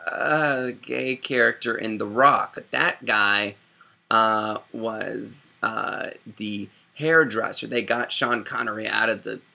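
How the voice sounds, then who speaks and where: Young guy from chicago doing a snarky rambling vlog, gravelly edge, punchy bright tone. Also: fairly low pitch, steady tone. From Chicago area, Illinois. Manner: rambling, sarcastic, doing quick impressions. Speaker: video host. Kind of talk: casual comedic movie vlog.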